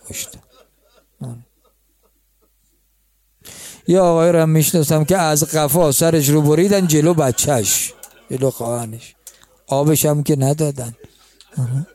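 A man's voice: fairly high pitch, fairly even intonation, long pauses, warm tone. A male preacher telling a religious story in a conversational way, turning to address his listeners as friends. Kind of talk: storytelling sermon.

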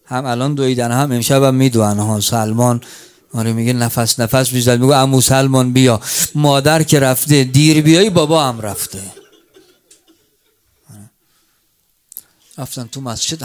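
Preacher, swinging loud to hushed. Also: male voice, medium pitch. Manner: swings between loud cries and hushed near-whispers, tearful chant. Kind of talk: mourning sermon.

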